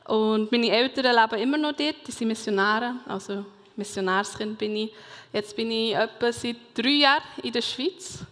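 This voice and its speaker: A young woman speaks to a group as a youth worker. Her voice sits fairly high, and she stops often for fillers and restarts. The sound carries a long reverb from a large hall. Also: moderate pace, fairly bright tone. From Switzerland, raised in Mongolia. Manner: hesitant, many fillers and restarts. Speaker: youth worker giving a talk. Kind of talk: presentation to a group.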